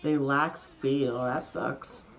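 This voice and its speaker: A woman's voice: a bass voice, steady tone, slow, gravelly. A woman giving spontaneous, casual reaction commentary as she watches, with a slight lisp from a retainer. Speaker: host of an anime reaction channel.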